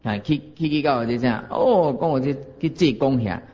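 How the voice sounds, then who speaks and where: A man's voice: medium pitch, normal speed, a little mellow. A man with a Taiwanese Hokkien accent, a Buddhist monk giving a folksy sermon with chuckles and rhetorical questions. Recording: dull lo-fi recording.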